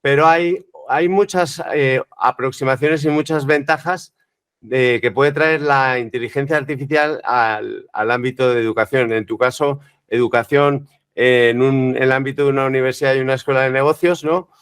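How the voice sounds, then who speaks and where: Smooth-voiced male interviewer. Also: medium pitch, steady tone, normal speed, fairly bright tone. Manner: asks long questions with frequent "¿no?" tags. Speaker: interviewer host. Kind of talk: interview conversation.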